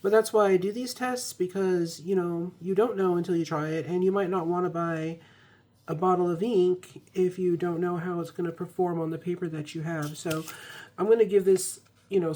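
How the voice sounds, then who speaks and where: A young woman getting over a cold reviews an ink in a casual product vlog, chatting with ums and restarts. Her voice is lowish and warm.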